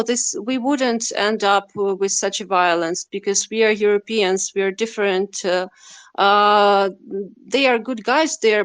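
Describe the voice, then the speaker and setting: A woman's voice: mid-range voice, smooth, no room sound. Hesitant woman. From western Ukraine. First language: Russian. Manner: hesitant, heavy use of "uh" fillers. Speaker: novelist guest. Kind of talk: interview answers.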